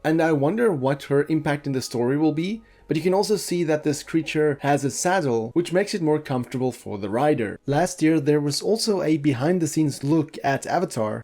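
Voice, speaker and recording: A man hosting a commentary video, calmly explaining details of film concept art and thinking aloud as he goes. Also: on the high side. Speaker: video host.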